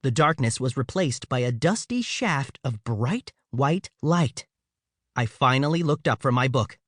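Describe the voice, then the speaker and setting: Guy reading a funny kids audiobook, bouncy animated delivery, dead dry booth. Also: medium pitch, unhurried, no echo. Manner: playful, expressive storytelling. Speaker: audiobook narrator. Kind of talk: scripted first-person kids' audiobook narration.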